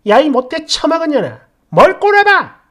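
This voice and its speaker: A woman voicing a furious, rude middle-aged mother who yells and sneers insults, in a storytelling reading. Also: expressive, normal speed, lightly acted. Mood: screaming. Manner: shrill yelling, sneering.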